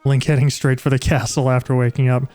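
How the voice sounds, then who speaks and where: Joking man streamer with a dark voice. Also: medium pitch, flat delivery, fast, clear, resonant tone, faint music behind. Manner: joking, crude, chatty asides. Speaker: gaming streamer. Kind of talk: casual game commentary.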